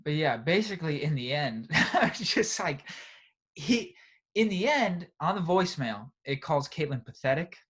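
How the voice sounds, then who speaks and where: A young man co-hosting a podcast, telling a story in a casual, animated way and often tagging "right?" and "bro". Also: on the high side, measured pace, slightly rough. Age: young adult. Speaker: podcast co-host. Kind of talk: casual chat.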